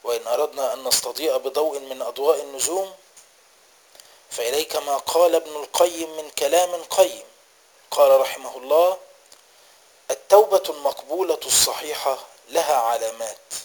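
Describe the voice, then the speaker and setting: A man's voice: fairly high pitch, a little mellow, rough recording. A man delivering a dramatic sermon, telling a moral story and rising to emphatic exhortation. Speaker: preacher.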